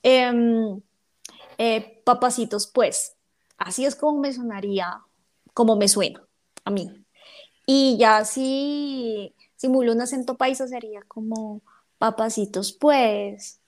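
A woman's voice: on the high side, slow pace. A woman from Colombia with a Colombian Spanish accent, chatting playfully as a guest on a podcast panel. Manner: playful, giggly. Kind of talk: casual panel chat.

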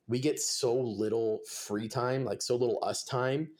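On a casual podcast, a male touring musician in his 20s tells meandering stories full of fillers and profanity. His mid-range voice is darkish and steady, and his delivery runs a little slow.

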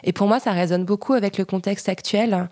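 A woman hosting a podcast interview, asking measured, gently probing questions. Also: mid-range voice, fairly even intonation, no echo. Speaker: podcast host.

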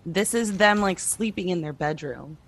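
A woman co-hosting a casual podcast chat, telling the story behind each clip in an animated way and laughing often. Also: lowish voice, normal speed. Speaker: co-host showing videos.

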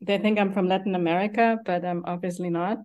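A woman in her forties with a foreign accent hosts a casual podcast interview, chatty and effusive, ending her sentences with "right?". Her voice is low, steady, fast, and darkish, and the recording sounds muffled.

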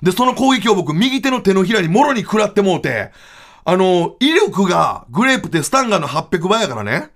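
A man with a Kansai accent telling an absurd comic story in a loud, animated, mock-dramatic way. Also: sits high, a little fast. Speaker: comedian storyteller.

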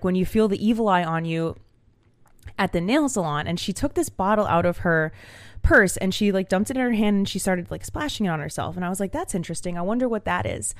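A young woman telling stories to camera in a casual vlog, chatty and animated with many fillers. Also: fairly low pitch, no room sound, studio quality. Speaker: vlogger. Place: small room at home. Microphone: camera mic.

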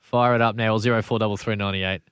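A man's voice: fairly low pitch, steady tone, fast, a bit bright, smooth, dry recording, clean studio sound. An Australian man hosting a sports talk radio show, upbeat as he reads out promos and phone numbers. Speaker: radio host.

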